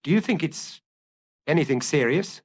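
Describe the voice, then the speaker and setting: A man's voice: a little high, lively intonation, normal speed, husky, voice pushed up. A man voicing an earnest, grave theatre man who talks anxiously.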